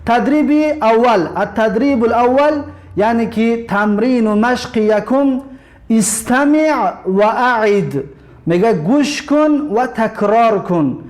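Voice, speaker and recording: A man with a Tajik accent teaches an Arabic lesson on video, opening with formal religious greetings. He repeats words slowly to drill pronunciation, in a high-pitched, slightly mellow voice.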